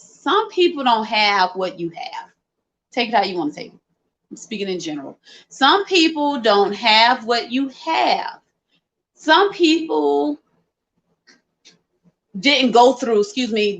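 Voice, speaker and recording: A middle-aged woman with a fairly high voice hosts a casual livestream chat. She speaks colloquially and loosely, circling back to repeat her points with emphasis as she gives advice. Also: fairly bright tone. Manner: informal, colloquial, rambling with emphatic repetition. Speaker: livestream host. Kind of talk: casual chat to live viewers, giving advice.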